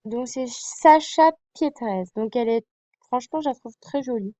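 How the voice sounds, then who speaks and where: In a casual fan vlog, a young woman introduces a TV series to her viewers, hesitating often and filling her talk with fillers and apologies. Her voice is fairly high and mellow, her pace moderate, with no room sound.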